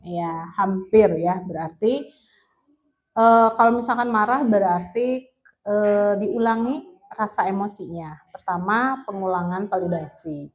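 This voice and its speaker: A woman's voice: medium pitch, unhurried. A young woman giving an informal parenting talk to parents, chatty and laughing often, mixing languages and acting out little quotes. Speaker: parenting speaker at a parents' meeting.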